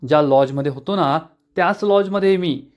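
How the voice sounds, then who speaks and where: A man's voice: fairly high pitch, fairly quick, dull audio, natural voice. A man voicing a cocky drunk male thug in a retold TV serial, mocking and swaggering.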